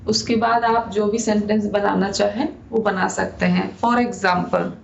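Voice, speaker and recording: A young woman gives an English lesson, saying every phrase slowly and twice over. Her voice has a gravelly, creaky edge. The recording is echoey and dull, like a bare room on a lo-fi mic. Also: medium pitch, steady tone, slight background noise. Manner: repeats each English sentence slowly and deliberately. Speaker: English teacher.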